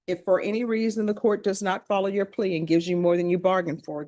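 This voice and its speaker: A woman judge presiding in a courtroom, running through formal legal admonishments in a brisk, practiced way. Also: fairly low pitch, darkish tone. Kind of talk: courtroom proceedings.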